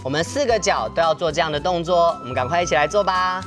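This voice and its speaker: Young male kids' show host, Taiwanese accent, high voice, coaxing talk-to-toddlers delivery, music underneath. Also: expressive, fast. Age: young adult. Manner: speaks as if to toddlers, simple and coaxing. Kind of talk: presenting an origami lesson to small children. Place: television studio.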